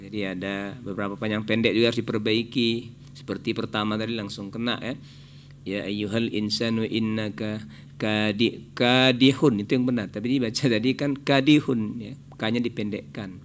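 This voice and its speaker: A man judging a Quran memorization contest, gently coaching a child reciter and chanting short verses to show the right way. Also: fairly low pitch, fairly even intonation, brisk, slight background noise. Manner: patient teaching tone, models recitation aloud. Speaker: competition judge. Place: radio studio.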